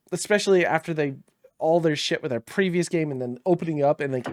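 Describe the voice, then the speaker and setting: A man's voice: mid-range voice, dry recording, studio quality. A young man co-hosting a gaming podcast in a laid-back casual chat, often laughing. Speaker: podcast co-host.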